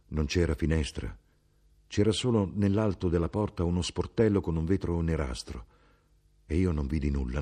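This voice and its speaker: A man giving a measured, expressive literary reading of a novel. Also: sits low, slightly rough. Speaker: audiobook reader. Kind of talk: scripted literary narration.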